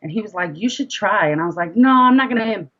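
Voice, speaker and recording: A woman rapper and singer, interviewed in a casual chat, speaks quickly in a mid-range voice, and the highs in the audio are cut off. An animated storyteller, she acts out bits of conversation by quoting them as dialogue.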